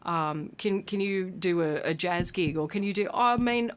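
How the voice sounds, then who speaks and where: Brief: female singer as interview guest, reflective, halting, self-correcting speech. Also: lowish voice, clear, resonant tone. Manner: thoughtful, halting, with frequent restarts. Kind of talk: casual interview chat.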